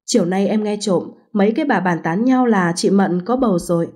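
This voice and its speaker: A woman voicing an anxious, gossipy young village girl who talks in a hurried, alarmed way. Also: mid-range voice, darkish tone, close to an everyday voice.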